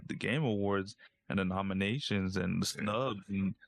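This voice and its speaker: A man's voice: sits low, normal speed, vocal fry. A young man co-hosting a casual gaming podcast in a laid-back, joking way. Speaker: podcast co-host.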